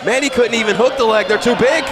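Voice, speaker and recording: High-pitched man, excited wrestling commentator. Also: fast. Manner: excited shouting calls. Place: live wrestling event with crowd behind. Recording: noisy live event, loud crowd.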